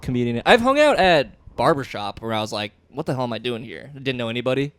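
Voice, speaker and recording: A man's voice: medium pitch, expressive, quick pace, fairly bright tone, no room sound. A man co-hosting a podcast, telling stories in a rambling, casual way full of fillers and laughter. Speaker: podcast co-host; stand-up comedian. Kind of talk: casual chat.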